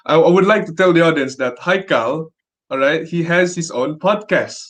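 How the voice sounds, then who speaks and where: A man's voice: on the high side, normal speed. A young man hosting a casual chat in a conversational way. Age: young adult. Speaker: podcast host.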